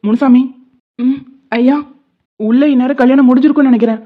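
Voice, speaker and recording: A woman voices a stern, middle-aged village-head husband in a cartoon, scolding and giving orders. Her voice is high, fairly quick, and fairly even in intonation, and the sound is tinny and lo-fi like a phone.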